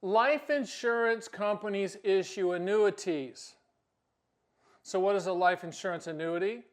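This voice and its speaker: A man's voice: high-pitched, measured pace. A man hosting his own channel as an annuity agent, explaining casually in a brash, joking, self-promoting way. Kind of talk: casual talking-head explainer.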